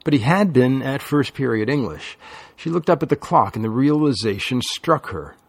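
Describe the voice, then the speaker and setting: A man narrating an audiobook with measured storytelling. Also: mid-range voice, expressive, no echo. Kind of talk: scripted narration.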